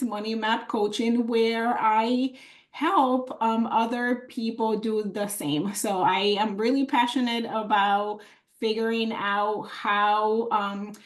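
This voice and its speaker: A woman from the Dominican Republic leads an online money workshop as a financial coach. She speaks slowly in a slightly high voice, encouraging her listeners, with many ums and restarts. Her voice comes through a computer mic on a video call. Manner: warm and encouraging, with frequent fillers and restarts.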